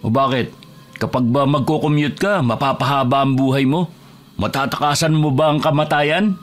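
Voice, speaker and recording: A man's voice: medium pitch, fairly even intonation, moderate pace, lightly acted. A young man acting as a cocky older brother driving in a storm, boastful, teasing and stubborn. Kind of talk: horror audio drama acting.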